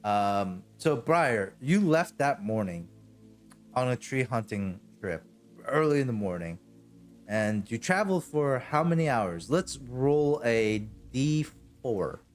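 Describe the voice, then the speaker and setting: A man's voice: medium pitch, sing-song, slow, faint music behind. A man working as game master, narrating a tabletop role-playing game in an improvised, conversational way.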